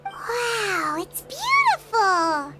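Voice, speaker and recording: A woman voicing a tiny, cheerful female companion creature in a video game, with a squeaky, childlike voice. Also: wildly swooping pitch, very slow, loud music behind the voice, exaggerated voice.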